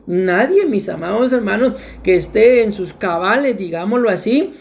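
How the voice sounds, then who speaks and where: A woman's voice: mid-range voice, animated, normal speed, creaky, darkish tone. A woman preaching a sermon in a church, earnest and repetitive, often turning to address her congregation directly. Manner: earnest, repetitive, often calls listeners "my beloved brethren".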